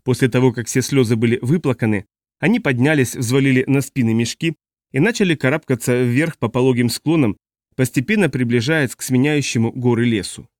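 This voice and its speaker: Steady male audiobook narrator, dry sound. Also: mid-range voice, dry recording. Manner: measured, steady storytelling. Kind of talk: scripted narration.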